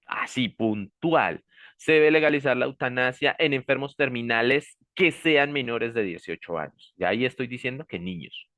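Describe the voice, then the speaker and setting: A man's voice: mid-range voice, animated, moderate pace, a bit bright, no echo, clean studio sound. A man teaching a class, explaining step by step and often checking that students follow him. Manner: checks understanding with frequent "¿sí?" and "¿listo?"; gives warnings like "ojo" and "pilas". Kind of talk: classroom lecture.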